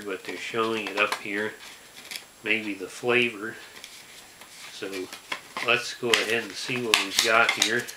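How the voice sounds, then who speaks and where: Deadpan, very sharp-voiced man reviewing snacks. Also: lowish voice. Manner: deadpan, measured, halting. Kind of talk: product review vlog. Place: small room indoors. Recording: roomy with background noise.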